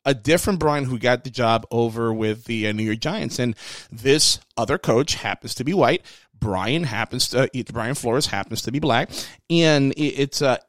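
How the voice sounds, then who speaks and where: A man's voice: mid-range voice, normal speed, no room sound. Earnest man giving casual, emphatic commentary. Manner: earnest, emphatic, repeats phrases for stress; conversational, addresses listeners directly as folks. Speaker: host giving workplace hiring advice. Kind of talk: casual opinion commentary with practical tips.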